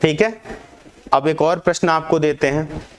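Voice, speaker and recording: A man teaching an online exam-prep lesson, reading questions aloud and urging students to answer quickly. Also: a little high, steady tone, slight background noise.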